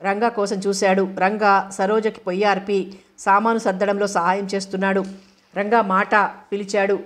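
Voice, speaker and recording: A woman narrates a novel for an audiobook in a steady, level voice. Her pitch barely moves, and she keeps an even tone as she reads the characters' dialogue too. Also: moderate pace.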